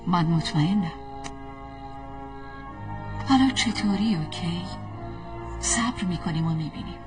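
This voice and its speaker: A woman dubbing a calm, supportive young woman who encourages the hero, in a gentle, reassuring manner. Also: fairly low pitch, over music, natural voice. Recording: distant voice over film score.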